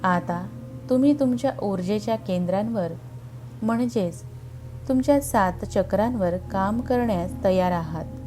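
Background music accompanies a woman's slow guided meditation narration. Her middle-pitched voice is mellow and relaxed, and she speaks very slowly and soothingly, pausing calmly and at length between short phrases.

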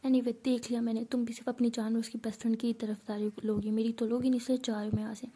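A woman voicing a sulky, sharp-tongued young college girl in a whispered role-play. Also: fairly high pitch, little pitch movement, fast, husky.

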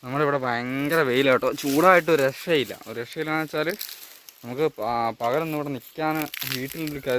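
A man's voice: medium pitch, fairly bright tone, a little hiss or hum. A man talking casually to his vlog viewers at home, rambling and searching for words as he goes. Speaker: family vlogger. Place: at home, partly outdoors.

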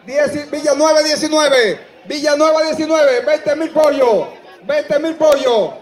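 A spectator's camera picks up a livestock auctioneer's public-address call echoing across an open-air show ring full of people. He is a Dominican man with a Dominican Spanish accent whose very high, projected voice stays slow and drawn out, loudly and insistently repeating bids and urging the buyers on.

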